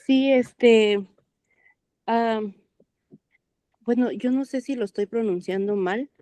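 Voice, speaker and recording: A woman with a mellow, darker voice discusses a Bible passage, thinking aloud with hesitant fillers and frequent self-corrections. The sound is dry and close, with no room echo. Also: fairly high pitch, slow. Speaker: reading-circle participant.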